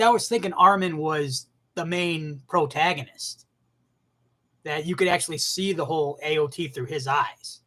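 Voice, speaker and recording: A man giving a casual, profane rant as an anime commentator, animated and bursting into shouts. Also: on the high side.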